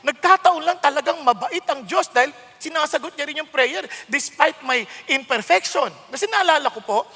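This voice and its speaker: High-voiced Filipino preacher in an echoing hall. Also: male voice, expressive, moderate pace, hardly any pauses. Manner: mixes Tagalog and English, emphatic and conversational, sudden loud outbursts. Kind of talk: sermon. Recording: long hall reverb.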